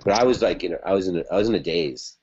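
He speaks rapid-fire in a low, darkish voice with a breathy edge, recounting a former relationship as a podcast guest. The telling is rambling and conversational, riddled with fillers and restarts, and the sound is lo-fi.

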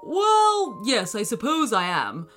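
A woman's voice: a little high, wildly swooping pitch, takes it slowly, fairly bright tone, faint music behind, full character voice. A woman voicing a proud old male wizard trapped inside a racing car, with a grand, kindly storybook delivery. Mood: warm, grand.

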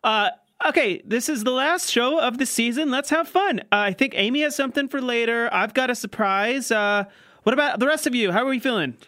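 A man's voice: extremely high pitch, a little fast, sharp tone, no room sound, studio quality. A man playing a flustered, exasperated host of a variety radio show in a comedy audio sketch.

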